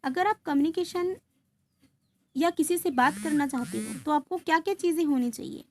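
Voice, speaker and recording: High-voiced woman teaching a class. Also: normal speed. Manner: explains in Hindi mixed with English, asks and answers her own questions. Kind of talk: classroom lecture.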